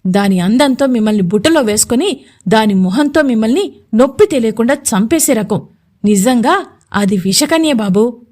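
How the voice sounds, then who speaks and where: A woman voicing a scheming lowly male servant who fawns and pleads with his master in an audio story. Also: lively intonation, normal speed, darkish tone. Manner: fawning, pleading, gossipy.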